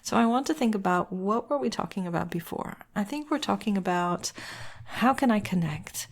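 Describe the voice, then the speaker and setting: In a walkthrough editing lesson, a female writing teacher goes through a text stage by stage, asking questions aloud and then answering them. Her voice is medium-pitched and expressive, at normal speed.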